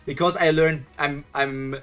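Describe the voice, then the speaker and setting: This streamer, a young man from Germany, reads a webtoon live in a fairly high, steady, unhurried voice that comes across a bit bright, clear, and resonant. His German accent shows as he chats loosely, thinks out loud, restarts, laughs a little, and replies to viewers.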